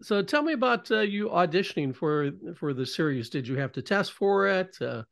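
A man's voice: high-pitched, animated, normal speed, creaky, fairly bright tone. Older male interview host on a video call. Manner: friendly, rambling questions with fillers.

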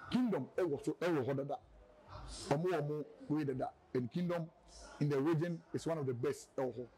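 A man's voice: a little high, fairly quick, warm tone, low-quality recording. A man with a Ghanaian accent, a radio presenter, telling his story in a casual interview and rambling between a local language and English.

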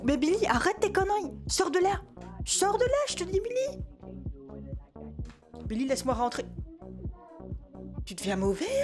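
A woman's voice: a little high, natural voice. A woman playing an exasperated mother who scolds her unruly little son in a comic game role-play, full of tag questions and mild swearing. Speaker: gaming video creator.

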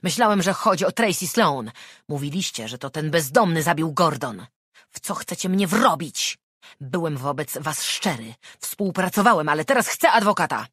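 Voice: medium pitch, lively intonation, normal speed, a bit bright, dry recording, clean studio sound, voice pushed up. A narrator reading an audiobook and voicing a brusque, defiant suspect under interrogation. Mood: outraged. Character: defensive, indignant murder suspect.

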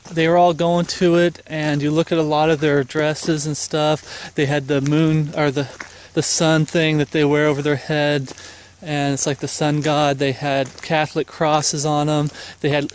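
Unhurried and a little high-pitched, with little pitch movement, a middle-aged street preacher walks a foggy wooded trail delivering an informal sermon. He is earnest and rambling, urging listeners on with fillers, while a phone at arm's length records him with a little hiss or hum.

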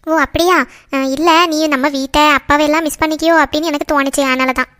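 A woman's voice: high voice, steady tone, quick pace, a bit bright. A woman voicing a worried, caring middle-aged mother in a cartoon, fussing and asking questions. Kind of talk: cartoon voice acting.

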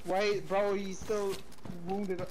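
An online game player chatting excitedly with friends, urgently repeating phrases. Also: medium pitch, slow pace, a little hiss or hum. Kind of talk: excited gameplay chat with friends.

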